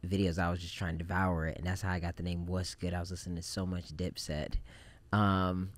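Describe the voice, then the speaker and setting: A Japanese film director in his thirties is a podcast guest in a casual interview chat, recorded on a studio mic on a boom arm. He sounds relaxed and reflective, using many fillers, with a low voice and a slightly fast pace.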